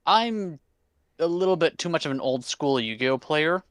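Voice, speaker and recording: A man chatting casually with a friend on a stream, rambling and animated, swearing now and then. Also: on the high side, moderate pace, smooth, no echo. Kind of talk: casual chat.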